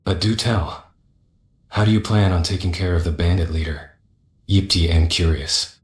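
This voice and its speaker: A man voicing a scheming, mocking mercenary companion in a fantasy game, sardonic and condescending, with drawn-out taunts. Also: sits low, roomy sound, close to an everyday voice.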